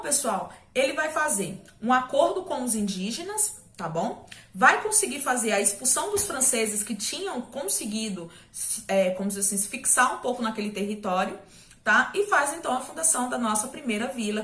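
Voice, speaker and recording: A Brazilian woman gives a recorded history lesson, her fairly high voice chatty and full of quick check-ins with her students. She jokes lightly as she explains. The room around her rings with echo. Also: animated, fairly bright tone. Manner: chatty and conversational, addressing students directly with frequent "tá?" and jokes. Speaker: history teacher. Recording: echoey room.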